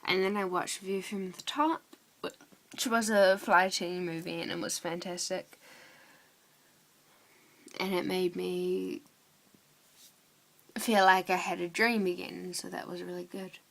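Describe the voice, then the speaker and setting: A drunk woman rambling casually in a confessional vlog, halting, drifting and swearing as she goes. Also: fairly low pitch, flat delivery, gravelly, fairly bright tone. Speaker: vlogger.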